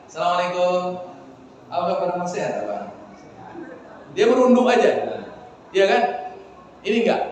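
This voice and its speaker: A man preaching a lively mosque sermon, joking with the audience and acting out greetings. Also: very high voice. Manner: playful, acts out greetings, jokes with the audience. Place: large mosque hall. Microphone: far front-facing phone camera. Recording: echoey hall, distant mic, faint noise.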